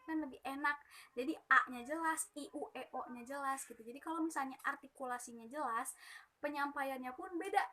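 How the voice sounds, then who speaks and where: Bright high-voiced young woman explaining singing. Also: a little fast. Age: young adult. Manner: chatty, many fillers, demonstrates by singing. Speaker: student presenter. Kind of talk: casual explanatory singing tips.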